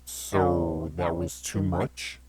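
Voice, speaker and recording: A man playing a bumbling, insecure demon from another dimension in a comic horror audio drama, with a rough, husky voice. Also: low voice, flat delivery, extremely slow, darkish tone, no echo, full character voice, rough recording. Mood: anxious, apologetic. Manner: apologetic, self-doubting.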